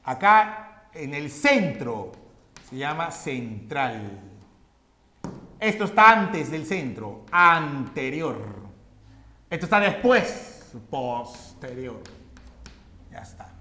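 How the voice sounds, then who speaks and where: A man teaches a class at an unhurried pace, his voice sitting high and swinging widely in pitch. He lays the material out step by step, putting questions to the students and answering them himself. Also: sing-song, sharp tone, slight background noise. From Peru. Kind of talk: recorded class lecture.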